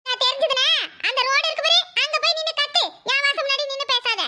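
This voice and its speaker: A woman's voice: very high-pitched, steady tone, fast talker, very noisy. A woman voicing a quarrelsome, sarcastic neighbor woman in a cartoon, with a Kanyakumari Tamil accent. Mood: scolding. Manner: scolding, sarcastic, indignant. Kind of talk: cartoon voice acting.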